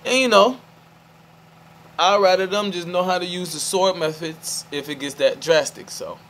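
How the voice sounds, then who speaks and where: A man's voice: high-pitched, normal speed, a bit bright, a little hiss or hum, low-quality recording. A man talking to the camera in a loose, meandering monologue, often restarting his sentences and checking in with his listener. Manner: meandering, restarts, keeps asking "you feel me".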